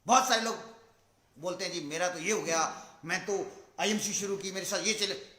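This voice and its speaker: Male motivational speaker, high and bright, dramatic storyteller who acts out shouting characters, echoey room. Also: normal speed. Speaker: motivational speaker for a business network. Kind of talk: motivational talk with acted anecdotes.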